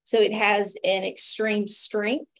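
A woman's voice: medium pitch, level tone, takes it slowly. A woman in her thirties with an Appalachian accent, hosting and presenting a webinar as a physician over a video call. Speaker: webinar host, physician and pharmacist.

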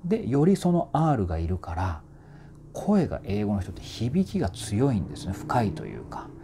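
A man's voice: lowish voice, huge pitch swings, moderate pace, noisy background. A man working as a voice trainer, explaining singing technique in a chatty, informal way and demonstrating vowel sounds.

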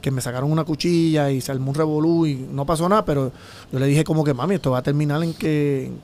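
A man in his thirties from the Dominican Republic, telling his story as a podcast guest in a small studio with his own mic, lively with sound effects. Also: a little high, slight background noise. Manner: animated, fast storytelling with sound effects and gestures. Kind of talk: casual storytelling interview. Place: small studio with dark curtains. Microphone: studio mic on boom arm, headphones.

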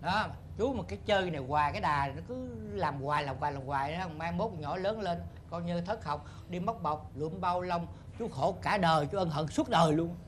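A man's voice: fairly high pitch, fairly quick, hardly any pauses, slight background noise. Blustery man scolding. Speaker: eatery owner. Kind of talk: sitcom acting.

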